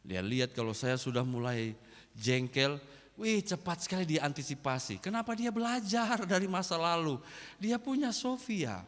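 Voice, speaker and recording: A man's voice: on the high side, expressive, moderate pace. A man with a Kupang accent preaching a sermon in a church, emphatic and slipping into local slang. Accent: Kupang Malay. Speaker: pastor. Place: church hall. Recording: echoey church hall.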